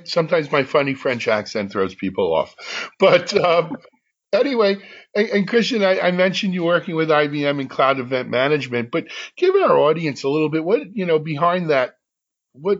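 Husky upbeat podcast host, a man. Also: on the high side, animated, normal speed, highs cut off. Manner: upbeat, slightly stumbling host. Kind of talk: interview introduction.

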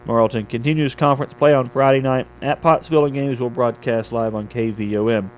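Guy reading local radio news, sports and weather, medium pitch, some hum in the background. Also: fairly even intonation, a little fast, poor audio. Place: radio studio.

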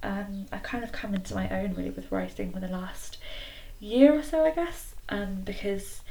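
A nineteen-year-old woman, hesitant and self-effacing, chats casually as the sole host of a podcast at a moderate pace, her medium-pitched voice gravelly and mellow. She's recording on a computer in a small, slightly echoey wooden garden shed, and the poor home audio carries clicks and background noise.

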